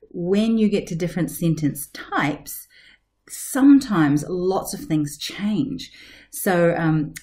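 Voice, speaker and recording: A woman in her forties with a low, slightly mellow voice hosts a podcast from her living room, speaking into a webcam at her desk. She's a language teacher, and her casual explanatory talk digresses often and is full of fillers.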